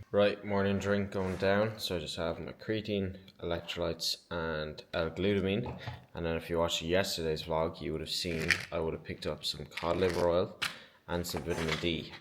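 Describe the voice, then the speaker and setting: A young man talking casually to the camera as a fitness vlogger, chatty and excitable, swearing freely. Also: sits low, background noise. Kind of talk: casual talk-to-camera vlog.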